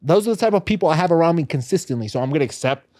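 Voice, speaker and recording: This thirties-aged podcast co-host from New York, judging by his accent, fires off words rapidly in a mellow, higher-pitched voice with lively intonation. The studio recording is dry, and his conversation is casual, slangy, and emphatic.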